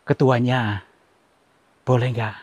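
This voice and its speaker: Husky guy whispering thru the woods on a ghost hunt vlog, keeps saying calm down calm down. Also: medium pitch, slow pace, no echo. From Central Java, Indonesia. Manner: coaxing, repeats soothing words. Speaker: ghost-hunting vlogger. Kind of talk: hushed on-location exploration commentary. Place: outdoors in a forest.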